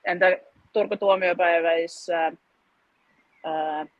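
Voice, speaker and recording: A woman guest tells the story in a flat, even tone, with fillers and frequent small laughs. Her audio is dry and slightly dull, as if from a remote call. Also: fairly low pitch, dry recording. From Finland. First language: Finnish. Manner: laughs often, halting with fillers. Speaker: competition founder, guest. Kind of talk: casual interview chat.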